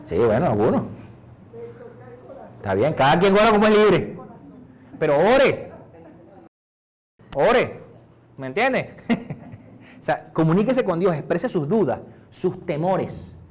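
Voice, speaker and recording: Middle-aged Venezuelan male pastor, sermon, talkative, bright high register, very expressive. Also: slow pace, long pauses. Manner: conversational, acts out prayers in a softer voice. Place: church.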